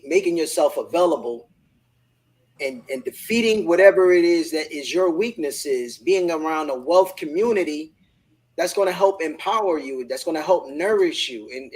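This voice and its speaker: This low-quality recording captures a man leading a casual online business group chat, his voice a bit high, a bit mellow and slightly rough. He sounds upbeat and motivational, tending to repeat words whenever he begins a new idea.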